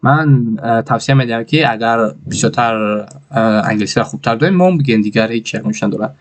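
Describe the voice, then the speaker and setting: A man with a Tajik accent teaching an English lesson, repeating each phrase slowly word by word. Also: medium pitch.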